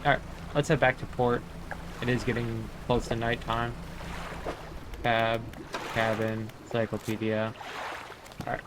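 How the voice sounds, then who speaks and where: A man giving casual gameplay commentary, reading game text aloud and thinking out loud. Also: mid-range voice, little pitch movement, unhurried, pauses often, noisy background. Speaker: gamer. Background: game music.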